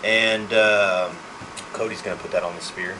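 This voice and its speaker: A man's voice: lowish voice, fairly even intonation, moderate pace, noisy background. A man casually listing the units in his tabletop army, informal and correcting himself as he goes. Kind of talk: casual list rundown.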